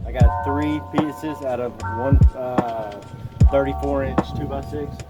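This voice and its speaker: A man's voice: mid-range voice, steady tone, slow pace, over loud music. A man gives a casual, folksy, easygoing project walkthrough as a handyman vlogger, slurring slightly and whistling on his s sounds because of dentures.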